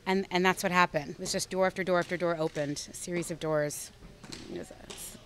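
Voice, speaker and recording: A woman's voice: on the low side, steady tone, a little fast, fairly bright tone. A woman, an actress being interviewed, talking in a bubbly, effusive way and often restarting her sentences. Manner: bubbly, effusive, self-correcting. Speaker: actress guest. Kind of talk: casual interview chat.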